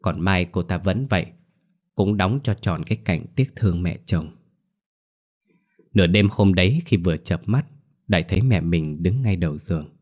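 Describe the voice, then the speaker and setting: A man reading a scripted ghost story aloud in a very deep, low voice. His delivery is steady and grave, unhurried from line to line. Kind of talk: scripted horror story narration.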